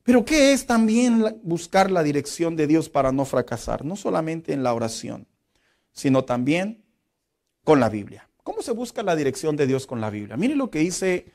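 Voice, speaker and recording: A middle-aged male pastor, preaching a lively, humorous sermon and acting out quotes. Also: on the high side, normal speed.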